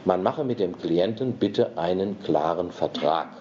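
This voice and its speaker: A man's voice: low-pitched, lively intonation, a little slow, highs cut off, crowd noise. A man lecturing on therapy and coaching, reading a fairy tale aloud and breaking off to interpret it, with frequent tag questions.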